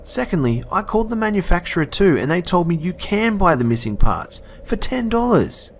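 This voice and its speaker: A man's voice: high-pitched, sing-song, moderate pace, a little hiss or hum, voice pushed up. A man voicing a panicked young woman who swears and raises her voice at an intruder. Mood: indignant. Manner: frantic, swearing, raising voice.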